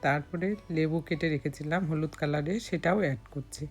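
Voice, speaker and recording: A hoarse woman from Bangladesh gives calm step-by-step recipe narration as a cooking vlogger. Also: low-pitched, fairly quick, soft background music.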